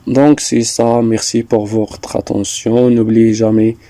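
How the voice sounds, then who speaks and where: A man teaching a French lesson, explaining slowly and deliberately, repeating points with some hesitations. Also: lowish voice, level tone, dark tone, no echo. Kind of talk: slow classroom explanation.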